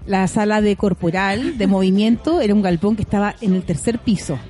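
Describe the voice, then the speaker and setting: A woman with a Chilean accent co-hosting a radio show in casual, slangy chat, telling animated stories and acting out what people said. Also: mid-range voice, a little fast. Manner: animated storyteller, slangy, acts out quoted voices.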